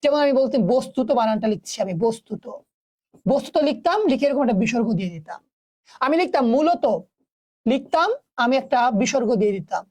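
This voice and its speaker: Quick, high-voiced woman teacher. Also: animated, a little mellow. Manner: asks students questions and answers them herself; emphatic, repeats key words. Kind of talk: online grammar lesson.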